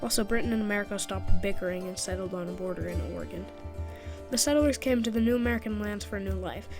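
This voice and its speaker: A woman's voice: medium pitch, quick pace. A woman narrating a history video in a casual scripted way, with jokey, sarcastic asides. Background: background music.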